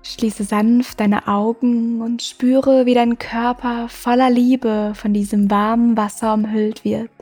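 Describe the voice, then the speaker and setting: A woman hosting a meditation podcast, guiding the listener in a soft, slow, soothing way with long pauses. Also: on the high side, little pitch movement. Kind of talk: guided meditation. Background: music.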